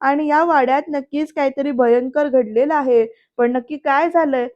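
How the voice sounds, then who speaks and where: A woman's voice: high voice, fairly even intonation, moderate pace, dull audio, close to an everyday voice. A woman voicing a curious, suspicious young woman who asks questions.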